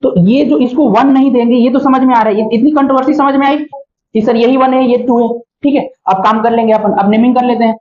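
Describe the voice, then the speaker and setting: A man's voice: extremely high pitch, steady tone, a little fast. A male chemistry teacher giving a classroom lecture, explaining step by step and often checking in with his students. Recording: dull lo-fi recording.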